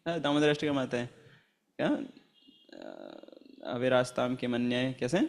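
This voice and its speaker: A man's voice: mid-range voice, huge pitch swings, takes it slowly, vocal fry. A man teaching a Gita class in a chatty, storytelling manner, laughing often and chanting Sanskrit verses. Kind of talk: informal scripture class with anecdotes.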